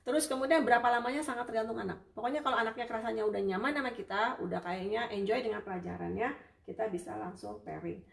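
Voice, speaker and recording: A woman therapist hosting a casual live-stream Q&A, chatty and warm with viewers, full of hesitations and fillers. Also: fairly high pitch, fast, gravelly. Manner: warm and apologetic toward viewers. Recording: roomy sound, distant from the mic.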